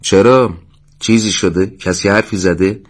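Male narrator as calm elder, concerned, a bit raised. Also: low voice. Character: older male neighborhood elder, calm and caring.

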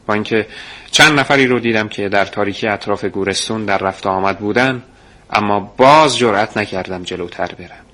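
A man narrating a story in a measured, suspenseful way. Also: fairly low pitch, sharp tone.

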